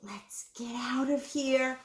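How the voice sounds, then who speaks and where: A woman's voice: medium pitch, sing-song, takes it slowly, darkish tone. A woman voicing a timid young girl who stammers nervously, in a storybook reading. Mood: wondering. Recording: roomy room echo.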